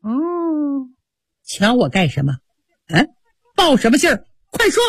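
A woman storyteller voicing a fierce, sharp-tongued noblewoman who scolds and gives orders. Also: high-pitched, sing-song, takes it slowly, slightly rough, dry recording, studio quality, pitched above the performer's own voice, heavily acted. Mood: demanding. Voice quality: commanding, scolding.

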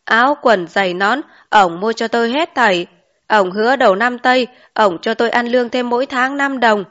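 A woman voicing a young man back from the city, a chauffeur, in an audiobook, relaxed and plain-spoken. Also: a little high, moderate pace, lightly acted. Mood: boastful. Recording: dull lo-fi recording.

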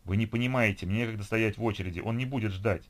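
A man's voice: on the low side, quick pace, lightly acted. A man reading a blunt headstrong young woman. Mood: determined. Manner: blunt, determined.

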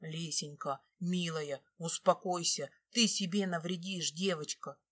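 A woman reading an audiobook voices a remorseful adult husband who begs his wife in a lowered voice, then whispers to her. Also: fairly even intonation, unhurried, husky. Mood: frantic pleading.

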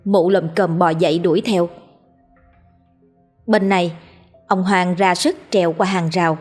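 Husky woman telling a comic tale. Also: on the low side, unhurried, faint music behind. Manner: lively comic storytelling. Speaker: storyteller. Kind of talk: scripted audiobook narration.

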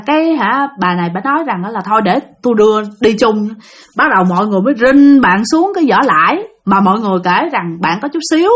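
A woman narrating ghost stories sent in by listeners, in a chatty, animated way that speaks straight to the audience. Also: mid-range voice. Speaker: storyteller host of a ghost-story channel. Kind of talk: storytelling narration.

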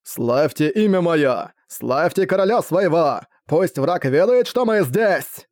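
A man's voice: a little high, measured pace, a little mellow, no echo, studio quality. A man voicing a fierce, warlike adult king who roars commanding rally cries at his troops, in an audiobook. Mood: rousing.

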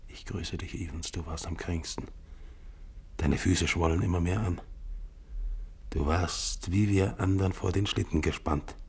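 A man's voice: deep voice, fairly even intonation, unhurried, pauses often, darkish tone, husky, exaggerated voice. An actor playing a grim, exhausted male polar expedition captain, narrating in a solemn, psalm-like recital for a 1950s radio play. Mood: somber.

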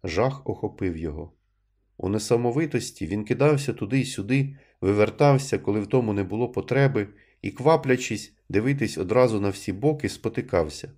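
A man narrating a literary story in an audiobook reading, with measured, even storytelling. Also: lowish voice.

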